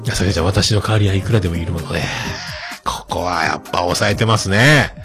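A man's voice: quick pace, music in the background. A middle-aged man hosting a casual solo podcast, reading listener messages and chatting with frequent laughs. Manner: chatty, laughs often, swoops up into high falsetto when demonstrating singing.

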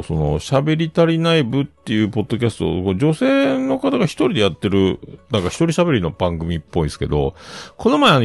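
A man's voice: on the low side, creaky, a little mellow, no room sound. A middle-aged man hosting a solo podcast, rambling casually and trailing off into mumbled asides.

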